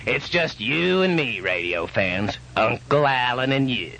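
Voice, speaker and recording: An actor playing a sarcastic, self-important radio call-in host, smug and sardonic. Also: male voice, mid-range voice, animated, a little slow, creaky, bright, forceful tone, heavily acted. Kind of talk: comic radio phone-in acting. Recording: noisy radio studio recording.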